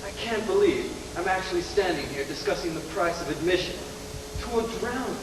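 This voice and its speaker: Brief: teen boy as a huffy, disbelieving gentleman on a school stage, far off and hissy. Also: sits high, animated, fairly quick. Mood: exasperated. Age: teens. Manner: incredulous, exasperated retorts. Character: indignant male gentleman passerby, exasperated. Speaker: student actor. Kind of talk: 1980s high school stage play. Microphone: distant camcorder mic. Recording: echoey auditorium, far from camera, audible hiss.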